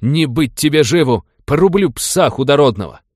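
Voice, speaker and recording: A cocky young noble cossack with a raised, loud, taunting voice that snaps out insults, as a male narrator puts him on. He is hot-headed and scornful, all bluster and sneer in a storybook reading, recorded dry and close. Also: on the high side, lively intonation, normal speed, no room sound, voice pushed up, lightly acted. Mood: furious.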